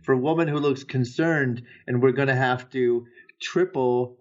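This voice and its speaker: A man's voice: medium pitch, steady tone, a little slow, muffled recording. A man co-hosting a comedic podcast, talking with mock-serious, dry delivery. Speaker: podcast co-host.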